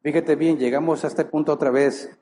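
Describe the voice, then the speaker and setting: A man's voice: fairly high pitch, fairly even intonation, moderate pace, warm tone, slight background noise. A man preaching a sermon as pastor, emphatic, full of rhetorical questions. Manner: rhetorical questions, emphatic, acts out short quoted lines. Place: church hall. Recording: long hall reverb.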